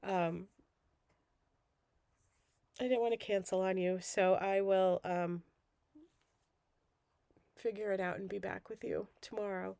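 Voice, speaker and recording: A woman's voice: mid-range voice, fairly even intonation, slow pace, gravelly, long pauses, dark tone, clear, resonant tone, dry recording. A woman hosting a casual crafting livestream while groggy and sick with a cold, chatty and rambling. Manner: rambling, chatty, self-deprecating.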